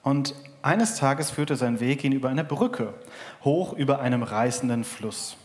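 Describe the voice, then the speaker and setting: A man's voice: mid-range voice, measured pace, darkish tone. A man preaching a sermon in a conversational way, telling a parable and asking the audience questions. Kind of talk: sermon with storytelling.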